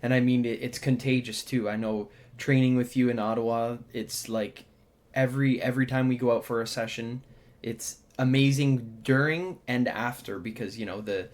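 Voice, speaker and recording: A man's voice: medium pitch, steady tone, normal speed. A man hosting a podcast, opening the show and chatting in a friendly, enthusiastic way. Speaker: podcast host.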